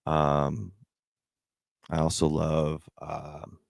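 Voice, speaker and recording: Very deep, gravelly man chatting casually. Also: monotone, extremely slow, no echo, clean studio sound. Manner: rambling, slangy, profane. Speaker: livestream host chatting with viewers. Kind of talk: casual livestream chat.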